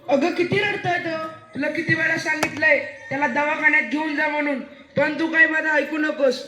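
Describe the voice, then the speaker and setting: Child actor, high voice, stern husband part, echoey. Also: steady tone, normal speed, noisy background. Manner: scolding, firm. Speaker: student actor playing a husband. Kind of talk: school stage play. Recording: echoey hall with music.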